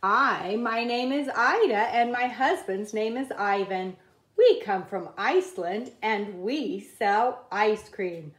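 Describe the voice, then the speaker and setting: A woman reading a children's picture book aloud at a table, in a slow, careful read-aloud cadence. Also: fairly high pitch, expressive, echoey room. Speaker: reader. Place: indoors at a wooden table.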